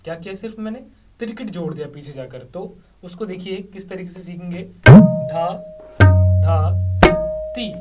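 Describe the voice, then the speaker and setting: High-voiced man teaching tabla. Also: expressive, brisk, music in the background. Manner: patient, explains step by step with "dekhiye, hai na?". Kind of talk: spoken music lesson with counting and drum syllables. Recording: tabla playing loud behind the voice, voice sometimes far from the mic.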